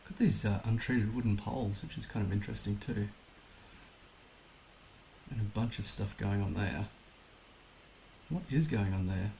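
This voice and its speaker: Hoarse and gravelly, a low-voiced man thinks aloud at a moderate pace, pausing often, with a mellow sound. He's a livestream host recovering from being under the weather, musing hesitantly through casual commentary on a geography guessing game. The rough recording has noticeable hiss.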